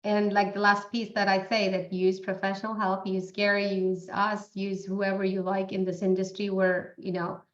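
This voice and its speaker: A woman's voice: medium pitch, flat delivery, moderate pace, hardly any pauses, highs cut off. A woman speaking on a webinar over a video call, hesitant, with many fillers and restarts. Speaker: guest speaker. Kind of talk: webinar presentation.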